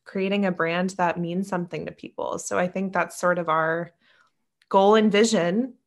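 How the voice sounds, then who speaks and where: A woman's voice: fairly low pitch, steady tone. A young woman from California, co-hosting a podcast in a chatty, enthusiastic way. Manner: chatty, enthusiastic, quick to laugh. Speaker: podcast co-host. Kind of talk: casual chat.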